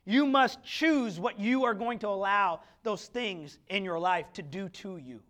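A man with a strikingly high, bright, forceful voice delivers a church sermon. He preaches with passion, firing rhetorical questions at the congregation and stumbling over quick restarts as he builds his point. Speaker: pastor. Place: church sanctuary.

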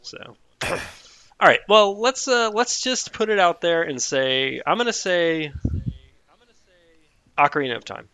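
A man's voice: a little slow, pauses often, clear, resonant tone, no room sound. A man co-hosting a casual podcast, joking around playfully and swinging up and down as he talks. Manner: playful and jokey, with lively swings in pitch. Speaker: podcast co-host.

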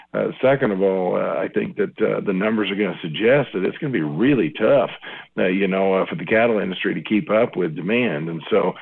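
A man's voice: low-pitched, vocal fry, husky. A man answering interview questions over the phone as a market analyst, talking in a loose conversational way with lots of fillers and restarts. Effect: speaking over the phone. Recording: tinny phone line.

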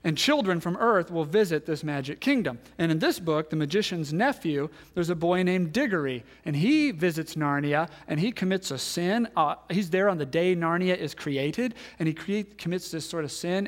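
A man in his thirties, a pastor giving a sermon, telling a story and acting out the voices in it, then dropping to hushed tones. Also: a little high, lively intonation, moderate pace, hardly any pauses. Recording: long hall reverb.

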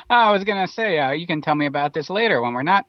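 Man, remote co-host, tinny thin video-call audio with no bass, dull lo-fi line, dry sound, joking casual banter. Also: lively intonation, brisk, dry recording. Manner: joking, easygoing. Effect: tinny, thin low-bandwidth call audio. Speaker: podcast co-host joining remotely.

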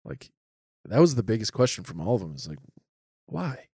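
A man telling a personal story in casual chat, animated, with many "like"s and frequent laughs. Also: fairly low pitch, racing, husky, no echo, clean studio sound. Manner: animated, lots of "like", laughs often.

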